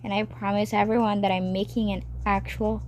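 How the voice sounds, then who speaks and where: A woman talking to herself while animating on a tablet, rambling, cheering herself on and breaking into excited outbursts. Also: medium pitch, a little fast, a little hiss or hum. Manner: rambling, self-encouraging, chatty with sudden excited outbursts. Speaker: animator narrating her work. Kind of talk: casual talk while drawing.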